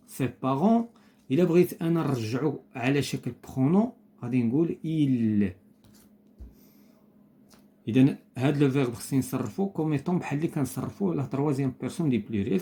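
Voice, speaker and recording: A man with a Moroccan accent explaining a primary school lesson, slowing down to spell out phrases carefully. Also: medium pitch, mellow. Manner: switches between Moroccan Arabic and slow, deliberate French. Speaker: teacher.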